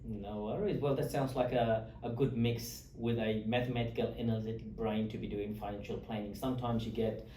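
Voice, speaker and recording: A man's voice: fairly low pitch, steady tone, brisk, hardly any pauses, warm tone, slight background noise. Chatty man hosting, echoey room. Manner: friendly, talkative with frequent fillers and restarts. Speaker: host, lawyer. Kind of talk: interview chat. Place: office or meeting room in Australia. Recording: echoey room, mic at a distance.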